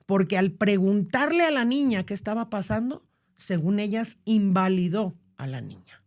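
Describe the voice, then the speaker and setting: Middle-aged woman, podcast guest, animated storyteller who voices the people in her anecdote. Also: medium pitch, normal speed. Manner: animated, acts out quoted voices. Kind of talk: casual conversational storytelling.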